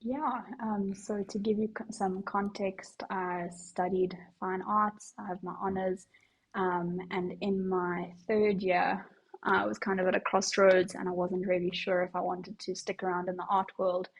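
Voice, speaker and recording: A young woman, a powerlifting coach and artist, answering interview questions in a soft-spoken, thoughtful way. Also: medium pitch, level tone, unhurried, slightly rough, poor audio.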